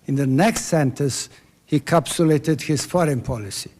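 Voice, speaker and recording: A man's voice: a little high, normal speed, a little mellow. A man with a Serbian accent speaking from the audience, making earnest, formal remarks and stumbling over words at times. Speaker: audience member asking a question.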